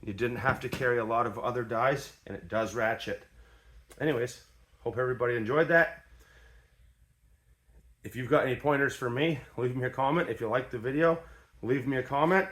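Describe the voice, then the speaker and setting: A man's voice: mid-range voice, a little fast, pauses often, a bit bright. A man in his workshop, casually demonstrating an old tool in a folksy, plain-spoken way, with ratchet clicks behind him. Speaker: tradesman demonstrating an antique tool.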